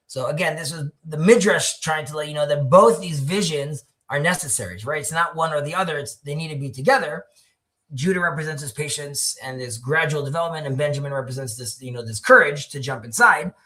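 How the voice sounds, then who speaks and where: A man's voice: on the high side, fairly quick, bright, forceful tone. A man hosting an online discussion, explaining prayer texts while searching for his words. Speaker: host.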